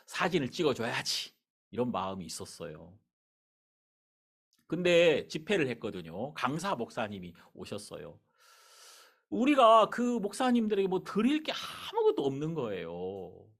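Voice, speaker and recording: A middle-aged male pastor telling a personal story in a sermon, in an animated, conversational way. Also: mid-range voice.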